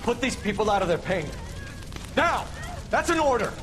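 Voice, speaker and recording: A tense detective lieutenant. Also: male voice, high-pitched, sing-song, normal speed. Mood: commanding. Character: male detective and former Marine lieutenant, tense. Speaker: video game character. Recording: game audio with very loud background noise.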